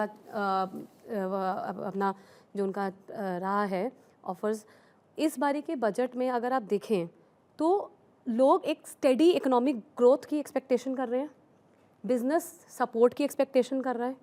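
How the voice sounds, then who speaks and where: A woman with a fairly high voice speaks as a tax expert on a news panel. She talks in an explanatory manner, working English terms into her sentences as she lays out her points. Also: darkish tone.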